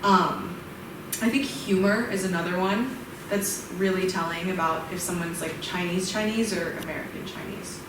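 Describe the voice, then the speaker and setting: A woman's voice: lowish voice, moderate pace. A young woman student sharing her views in a casual group discussion, thoughtful and full of fillers. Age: young adult. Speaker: student participant. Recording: echoey room, distant mic, background noise.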